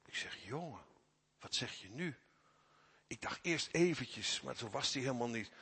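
A man preaching a sermon, swinging from quiet, intimate passages to loud, fervent emphasis. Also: mid-range voice, animated, normal speed, breathy edge. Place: church. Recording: long church reverb.

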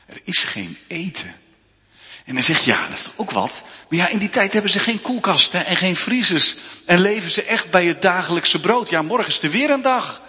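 A man preaching a sermon, telling a story in an animated way and speaking directly to his congregation. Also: sits high, moderate pace, big-room sound.

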